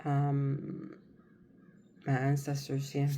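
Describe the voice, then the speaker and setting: A woman with a low-pitched voice hosts a casual card reading at an unhurried pace. She rambles in a folksy, joking way, repeating herself between pauses. The recording has clear background noise, with clicks and shuffling cards. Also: monotone. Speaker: tarot card reader, channel host.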